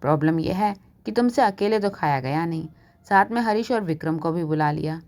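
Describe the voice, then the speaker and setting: Woman reading as a cross middle-aged wife, sharp and scolding, storybook tale. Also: on the low side, expressive, brisk, close to an everyday voice. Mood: angry scolding.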